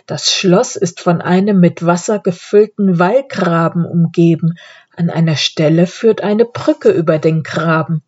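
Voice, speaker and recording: Calm female storybook narrator, low-pitched and unhurried, mellow, slightly dull recording. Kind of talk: audiobook reading.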